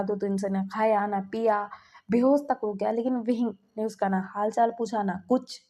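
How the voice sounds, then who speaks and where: A woman's voice: medium pitch, dark tone. A young woman telling her own fan fiction in a casual, chatty way, talking straight to her listeners. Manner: chatty, addresses listeners as cuties. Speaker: storyteller.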